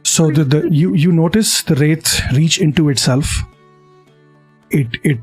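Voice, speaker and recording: A husky, fairly high-voiced man narrates as game master over a dropping online call. His words stall and repeat, and the choppy audio keeps cutting out. A faint trace of music sits underneath. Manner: halting, repeats words while describing. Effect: choppy online call audio that cuts out.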